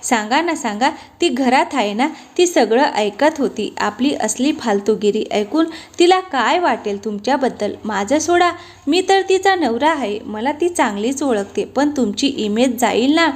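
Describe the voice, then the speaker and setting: A woman's voice: high-pitched, animated, a little slow. A woman voicing a young husband who playfully scolds his friends and jokes with his wife, in a storybook reading. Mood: teasing. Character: young husband, teasing and easygoing.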